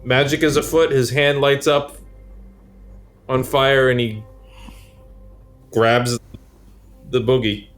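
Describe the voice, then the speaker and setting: Soft music plays behind a male game master whose mid-range, slightly bright voice has a flat delivery. He talks slowly with long pauses, casually narrating action and explaining rules to his tabletop group.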